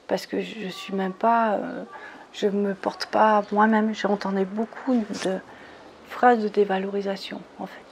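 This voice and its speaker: A woman's voice: mid-range voice, gravelly, a little mellow, slight background noise. A woman leading a guided meditation talk for retreat participants, coaxing and soothing, often checking in with her listeners. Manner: soothing, leads step by step. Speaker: spiritual retreat leader.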